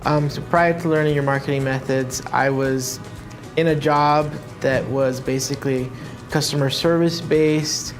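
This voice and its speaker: A man tells his story in a steady, earnest way. He speaks at a medium pitch with faint music underneath. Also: a little slow. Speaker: customer testimonial. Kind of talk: calm testimonial.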